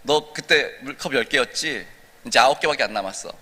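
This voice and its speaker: A man's voice: mid-range voice, fairly quick, pushed and bright. A man voicing a sly devil who bargains and taunts, with a long church reverb. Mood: scheming. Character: sly tempting male devil, scheming and smug.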